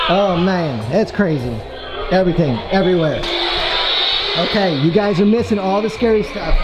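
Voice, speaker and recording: An American dad in his thirties, with a voice that sits high, gives a chatty, exclamation-filled tour of his family home to a handheld camera. The low-quality home video has loud music playing underneath.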